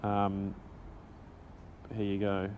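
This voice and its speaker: Talking into a small action-camera mic on his helmet, a British motorcycle vlogger in his thirties chats self-deprecatingly to his live audience from a café stop outdoors in central London. His fairly low voice is monotone and extremely slow. The sound is phone-like, with a little hiss or hum.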